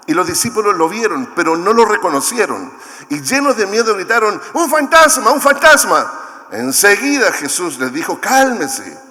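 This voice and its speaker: A Chilean man preaches with a lively, swooping voice that ranges widely in pitch. His tone is bright and forceful as he acts out the scripture voices. His words ring out with a long reverb from the hall. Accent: Chilean Spanish. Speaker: pastor. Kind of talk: sermon.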